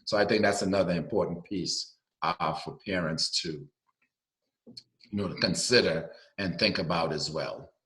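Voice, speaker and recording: Man, advocate, video conference call audio, lowish bright voice, echoey room. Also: moderate pace. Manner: earnest, explanatory, with many fillers. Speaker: special education advocate. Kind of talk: explaining guidance on a call.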